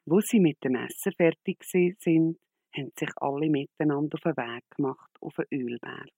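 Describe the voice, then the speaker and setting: A man telling a Bible story to children in a calm way. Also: a little high, moderate pace, vocal fry, no room sound, studio quality.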